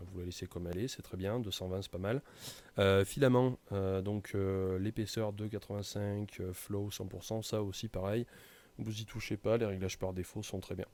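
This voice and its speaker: A man walks through software settings in a casual tutorial, with many hesitations and fillers. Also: on the low side. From France. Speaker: tutorial presenter. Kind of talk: screen-recorded software tutorial.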